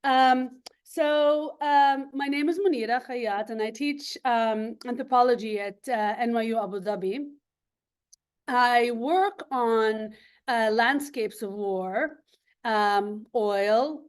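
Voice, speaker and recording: A woman's voice: on the high side, slow pace, clear, resonant tone. A woman from Lebanon giving an academic seminar talk over a video call, thoughtful and full of ums and restarts.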